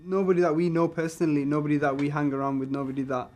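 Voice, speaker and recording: Quick matter-of-fact young Hull man. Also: fairly high pitch, little pitch movement, a little mellow. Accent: Hull English. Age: 20s. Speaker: interviewee. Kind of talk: casual interview answers.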